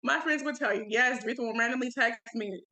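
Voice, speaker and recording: A young woman co-hosting a podcast, talking candidly in relaxed slangy chat and laughing often. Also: a little high, quick pace, a loud crowd, rough recording. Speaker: podcast co-host. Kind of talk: casual chat.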